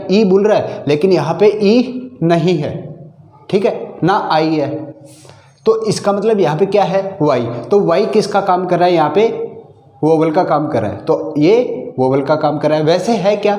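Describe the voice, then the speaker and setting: A man's voice: sits high, warm tone. Man teaching, echoey room. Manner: repeats questions and answers them himself. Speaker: English teacher. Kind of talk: classroom lesson.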